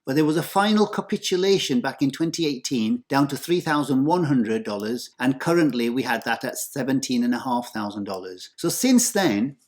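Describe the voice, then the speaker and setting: A man hosting his own commentary video, speaking in a measured, earnest presenter manner. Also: mid-range voice, lively intonation, a little mellow. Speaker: host of a crypto market commentary channel.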